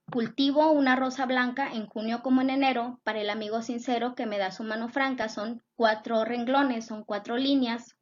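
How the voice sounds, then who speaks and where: A woman's voice: fairly high pitch, fairly bright tone. A woman teacher giving a patient lesson, repeating her points and checking in with her students. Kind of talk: classroom lesson explaining poetry. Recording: dull lo-fi sound.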